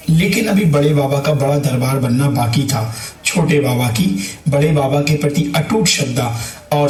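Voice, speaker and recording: A man narrating a school play in a measured, announcing tone. The hall is echoey and he stands far from the mic, with faint music behind. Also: medium pitch, a little mellow. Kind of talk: formal stage narration.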